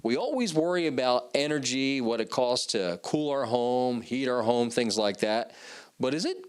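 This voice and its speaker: A man's voice: medium pitch, animated, moderate pace, clear, resonant tone. A man hosting an infomercial, presenting and putting leading questions in a conversational way. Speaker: infomercial host.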